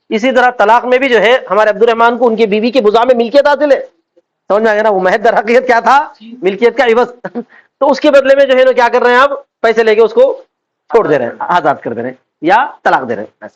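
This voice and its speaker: A man teaching a religious law class, constantly asking his students whether they follow and acting out quoted speech. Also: high voice. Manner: asks students constant check questions; acts out quoted speech in everyday voices. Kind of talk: classroom lecture on Islamic law. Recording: dull lo-fi lecture recording.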